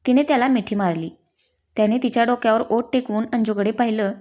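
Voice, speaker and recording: A woman's voice: a little high, steady tone, fast, darkish tone. Woman reading a story aloud. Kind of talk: scripted story narration.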